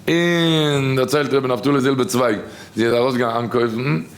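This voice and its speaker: A man with a Yiddish accent giving a sermon, telling stories quickly and quoting people. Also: medium pitch, steady tone. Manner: rapid storytelling, quoting others. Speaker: rabbi giving a talk.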